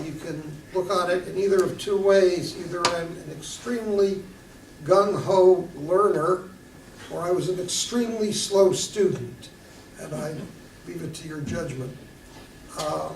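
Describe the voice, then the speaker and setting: A man's voice: high voice, gravelly, background noise. An older man on a conference panel, telling stories with dry, self-mocking humor. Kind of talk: panel talk, storytelling. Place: conference hall. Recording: echoey hall, mic from a distance.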